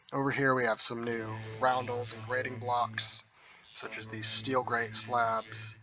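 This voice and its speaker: A man casually walking through a game mod update, rambling with frequent ums, heard through low-quality audio capture. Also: sharp tone. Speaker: mod review video host. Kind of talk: casual gameplay walkthrough.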